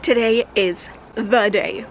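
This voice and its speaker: A young woman talks straight to camera in a casual vlog, her voice sitting a little high. She is chatty and excitable, runs her thoughts together with plenty of "like"s, and carries a tired edge underneath. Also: takes it slowly, dull audio, over loud music. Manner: chatty and excitable, rambling with many "like"s. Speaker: vlogger and author.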